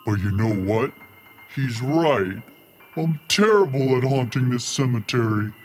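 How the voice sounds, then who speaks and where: A man's voice: mid-range voice, expressive, a little slow, a little hiss or hum, natural voice. A man voicing a lazy, self-pitying ghost host with a theatrical spooky drawl. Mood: mopey.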